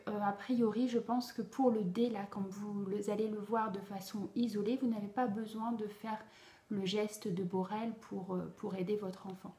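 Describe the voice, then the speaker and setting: A woman's voice: mid-range voice, warm tone. Patient woman explaining in a roomy echo. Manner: patient, explanatory, addressing parents. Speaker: reading teacher. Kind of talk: instructional video explanation.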